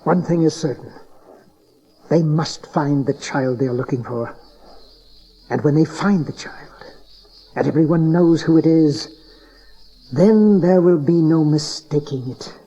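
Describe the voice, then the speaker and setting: A man's voice: on the high side, measured pace, long pauses, dark tone, breathy edge. An actor playing an old, scornful, scheming tyrant king in a dramatized audio Bible, with an imperious, sneering manner. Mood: cold scheming. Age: older. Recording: dull cassette tape transfer.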